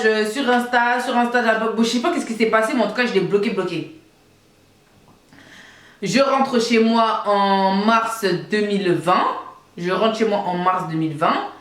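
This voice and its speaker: A young woman from Côte d'Ivoire, telling a story to her viewers in an animated, emphatic way. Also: on the high side, reverberant. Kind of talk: casual storytime monologue.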